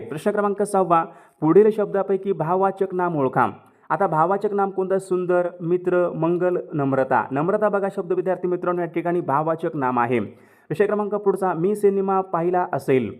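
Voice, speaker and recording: Male teacher, high voice, quizzes then answers, repeats key words. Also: a little mellow. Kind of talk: exam question walkthrough.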